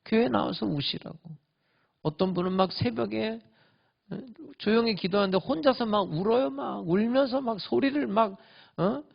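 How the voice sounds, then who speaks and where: A male pastor preaching a sermon, swinging between loud emphatic lines and hushed whispers. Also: high voice, normal speed, vocal fry, slightly rough, highs cut off. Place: church sanctuary.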